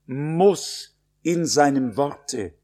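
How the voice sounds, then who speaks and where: A man preaching a sermon, slow and solemn, stressing his words with long pauses. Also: a little high, lively intonation, a little mellow.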